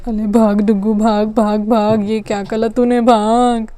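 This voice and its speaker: A woman's voice: on the high side, little pitch movement, a little slow, warm tone, no echo, voice pushed down, natural voice. A woman voicing whiny, mischievous little children in a homemade doll story, begging and using baby talk. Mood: panicky. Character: pleading mischievous little kid dolls. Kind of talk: doll story play-acting.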